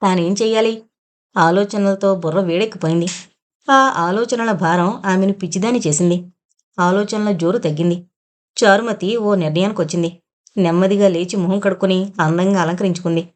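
A woman's voice: mid-range voice, moderate pace. A woman steadily narrating a novel as an audiobook reader.

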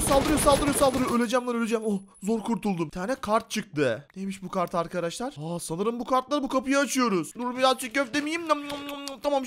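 A young man playing Minecraft and narrating a dramatic story, talking excitedly and often addressing his viewers as friends. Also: extremely high pitch. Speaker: gaming YouTuber. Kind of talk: Minecraft role-play commentary.

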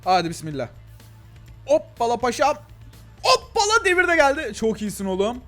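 A young gaming YouTuber delivers casual Let's Play commentary in a lively, excitable, chatty voice that swings between thin and deep registers. He calls his viewers "gençler" and "abi," laughs often, and soft, brisk music plays behind him.

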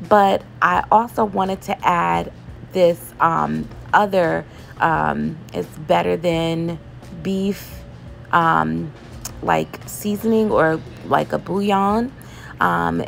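A woman chatting casually as she cooks in her home kitchen, relaxed and loose, with laughs and fillers. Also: on the low side, gravelly. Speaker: home cooking vlogger. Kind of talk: casual cooking voice-over.

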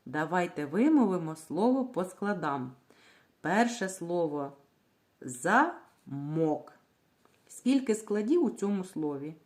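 A woman teacher leads a literacy lesson for small children, her voice rising and falling in a lively way. She speaks at an unhurried, slow pace, drawing out each word syllable by syllable. She asks the class a question, then gives the answer herself. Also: fairly low pitch. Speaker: primary school teacher.

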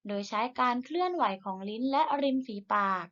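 Thai teacher woman, slow and encouraging. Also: high-pitched, very animated, dull audio. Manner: slow, deliberate modelling of sounds for repetition; gentle, encouraging tone to children. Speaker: primary school teacher. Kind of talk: recorded reading lesson for young children.

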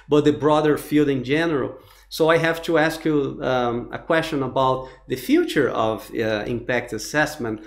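A middle-aged man interviewing a guest over a video call, asking measured, formal questions. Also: medium pitch, creaky, echoey room.

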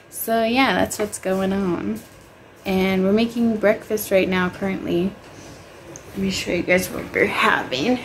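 A woman's voice: mid-range voice, noisy background. A young woman vlogging casually from her home kitchen into a handheld phone, giggling often between phrases. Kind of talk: casual vlog chat.

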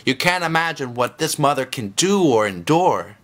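A man's voice: fairly low pitch, lively intonation, unhurried, bright, forceful tone. A man voicing the Lord as a proud, patient male creator, speaking earnestly. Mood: eager.

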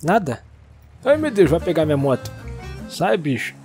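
A young Brazilian man talks through a video game in an excitable, exclaiming way, calling out to the creatures on screen. His voice sits a little high for a man. Faint music plays underneath. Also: normal speed. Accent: Brazilian Portuguese. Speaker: gaming YouTuber. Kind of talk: let's-play commentary.

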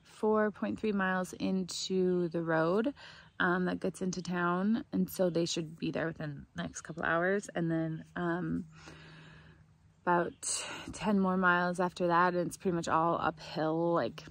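Out in the woodland on a long-distance hike, a young woman records a casual video diary on a phone at arm's length, talking in a chatty, meandering style. She speaks a little slowly in a fairly low, steady voice, with faint ambient noise from outdoors.

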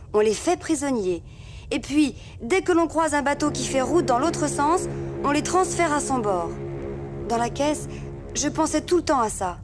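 A woman narrating as a young girl reading her letters to a friend in a confiding tone. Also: sits high. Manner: gentle, confiding.

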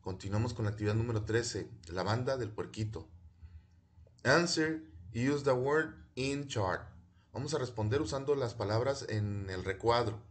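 A man teaching English to young pupils in a bilingual video lesson, repeating words slowly and clearly. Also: mid-range voice.

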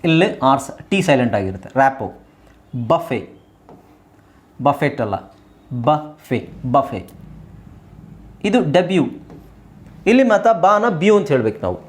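A male teacher walks through English words one by one, saying each several times so learners can copy it. His pitch swings widely and sits a bit high. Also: sing-song. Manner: repeats words slowly for drilling. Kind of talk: pronunciation lesson.

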